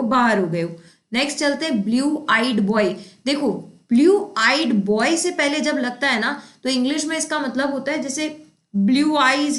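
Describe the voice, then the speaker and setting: A woman's voice: sits high, fairly bright tone. A woman teaching English idioms for exam preparation. She explains with memory tricks, asks questions and answers them herself, and keeps adding tag questions. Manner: often adds tag questions like "है ना". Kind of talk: exam-prep idiom lesson. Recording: echoey room.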